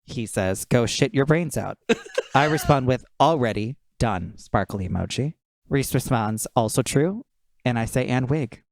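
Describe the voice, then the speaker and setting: A man's voice: mid-range voice, measured pace, no echo. Casual man telling a funny story. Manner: animated storyteller, acts out text messages. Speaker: podcast co-host.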